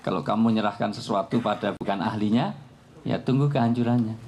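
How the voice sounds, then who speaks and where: A man preaching at a live forum, mixing teaching with jokes and little anecdotes. His voice sits at a middling pitch with a gravelly rasp. A faint noise hangs in the background. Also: fast, a little mellow. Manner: joking, anecdotal storytelling with frequent laughs. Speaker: Islamic preacher. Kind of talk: humorous religious talk at a live forum.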